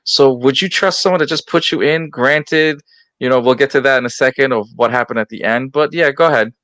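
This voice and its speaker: Bright-voiced man hosting a panel chat. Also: mid-range voice, brisk, dry recording. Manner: steers the talk, calls on panelists by name. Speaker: podcast host. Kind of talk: casual panel discussion.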